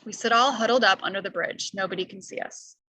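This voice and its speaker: Bright-voiced woman reading a book aloud. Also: medium pitch, fast, no echo, poor audio. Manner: clear, explains as she reads. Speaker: reader. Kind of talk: reading a novel aloud to students.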